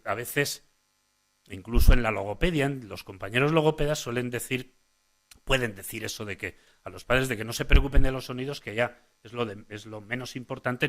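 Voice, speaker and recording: A man's voice: mid-range voice, fairly bright tone. A man giving a conference lecture on child speech as a language psychologist, often restarting phrases and adding "eh?" tags as he points the audience to his slides. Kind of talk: conference lecture to parents and professionals.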